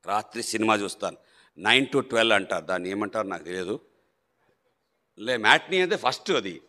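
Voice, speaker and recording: Emphatic middle-aged man in an echoey hall. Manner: emphatic, swinging between loud outbursts and low asides. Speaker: church member giving his testimony. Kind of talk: personal conversion testimony. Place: prayer hall.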